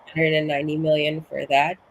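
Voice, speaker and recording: A woman's voice: low-pitched, level tone, fast talker, a little hiss or hum, low-quality recording. A woman from Suriname, a guest in a casual interview, a bit out of breath from being sick, explaining at length with many restarts. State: slightly out of breath from illness. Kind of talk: casual conversation.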